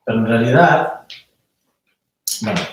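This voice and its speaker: A man teaching a small class in a relaxed, conversational way, often checking that his students follow. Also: medium pitch, slow pace. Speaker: meditation teacher. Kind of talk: casual class lecture. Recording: very echoey room, mic far off.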